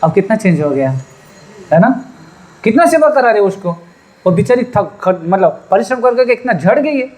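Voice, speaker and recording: A man's voice: high-pitched, sing-song, normal speed, darkish tone. A man preaching a sermon as a story, acting out its characters and quizzing his listeners with questions. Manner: acts out quoted characters and quizzes the audience; apologetic, humble asides.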